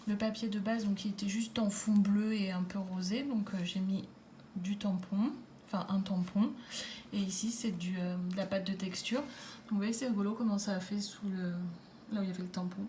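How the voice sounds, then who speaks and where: A woman's voice: mid-range voice, fairly even intonation, normal speed, warm tone, slight background noise. Hesitant woman showing a craft album. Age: adult with a daughter. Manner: hesitant, many fillers and restarts. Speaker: scrapbooking vlogger. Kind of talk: casual craft show-and-tell.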